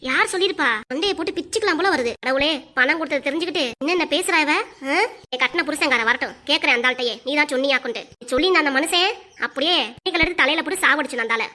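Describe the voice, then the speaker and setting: A scheming older mother-in-law from a cartoon, as a woman puts her on, scornful and mocking as she mutters to herself. The voice sits high and bright, and the words come out fast. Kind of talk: cartoon voice acting.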